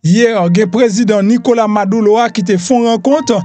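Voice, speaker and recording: A man's voice: high voice, normal speed, mellow. A Haitian man hosting a news rundown, reading headlines loosely with frequent fillers. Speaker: news host.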